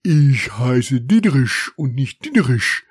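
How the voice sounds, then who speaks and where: A man's voice: mid-range voice, slow pace, a little mellow, dry recording. A man voicing a big male house mouse who works as a security guard, speaking in a thick regional dialect with dry amusement. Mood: amused.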